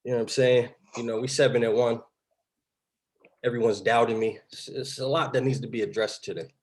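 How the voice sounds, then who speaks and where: A man's voice: medium pitch, steady tone, fairly quick, husky. A man appearing as a guest on a talk show, speaking in a confident, boastful press-conference manner.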